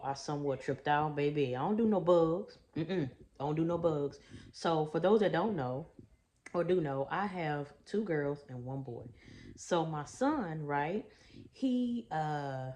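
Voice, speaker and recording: A woman's voice: low voice, darkish tone, a little hiss or hum. A middle-aged woman from Texas, a trauma coach, chatting folksy to her viewers in a story-time vlog and calling them y'all and baby. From Houston, Texas.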